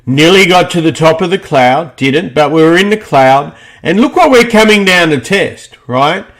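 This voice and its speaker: A man's voice: a little high, expressive, normal speed, a bit bright. A man presenting a loose, rambling walkthrough of market charts, often thinking aloud between points. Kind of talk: screen-share chart walkthrough.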